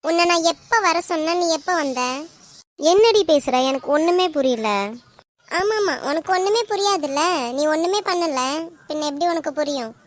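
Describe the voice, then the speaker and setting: A woman's voice: very high voice, lively intonation, moderate pace. A woman voicing a young college girl in a cartoon, with a Tamil Nadu accent and a teasing, sulky way of arguing with her friend. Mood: bickering. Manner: teasing, sulky back-and-forth. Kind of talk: cartoon voice acting.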